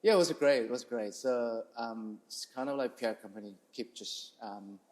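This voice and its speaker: A Korean man with a Korean accent speaks casually as a chef in an interview, telling his story in hesitant, non-native English. His voice is mid-range and a little mellow, at a normal speed.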